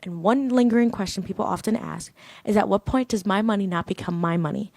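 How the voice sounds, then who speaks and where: A woman's voice: medium pitch, fairly quick, gravelly, darkish tone, dry recording. Girl reading a school news report, dry close sound.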